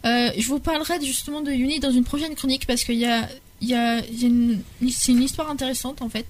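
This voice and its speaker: A woman's voice: on the high side, steady tone, fast. A young woman presenting a podcast segment in casual chat, hesitant, with many restarts and fillers. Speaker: podcast columnist.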